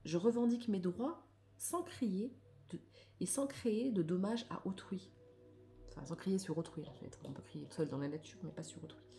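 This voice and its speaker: A woman reads oracle cards aloud in a soft, reflective way, adding her own comments and often trailing off. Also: medium pitch. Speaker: spiritual card reader.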